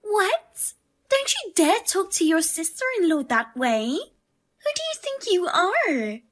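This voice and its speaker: A woman voicing a pushy, scornful sister-in-law who talks in a sharp, demanding and insulting way. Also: very high-pitched, lively intonation, unhurried, pitched above the performer's own voice, heavily acted.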